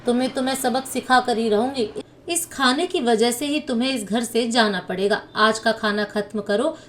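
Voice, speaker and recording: A woman's voice: a little high, moderate pace, a bit bright, slight background noise, natural voice. A woman voicing a vain, scheming young daughter-in-law with a sly, spiteful manner.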